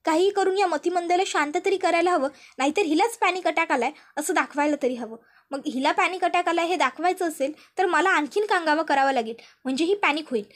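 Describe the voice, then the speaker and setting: A woman's voice: very high-pitched, a little fast. A woman doing a wheedling lying villain. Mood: scheming aside. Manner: wheedling, falsely innocent. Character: scheming middle-aged man, a smooth-talking lying villain.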